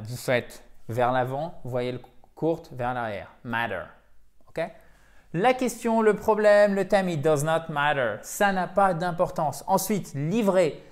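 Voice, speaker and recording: A man teaching English pronunciation, drilling words slowly and emphatically. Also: on the high side. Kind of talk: pronunciation lesson.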